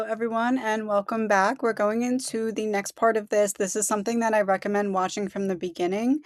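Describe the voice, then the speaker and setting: Her voice sits at medium pitch as she reads headlines aloud and chats about them, a host of her own channel whose voice is going. The studio sound is clean, with no room sound.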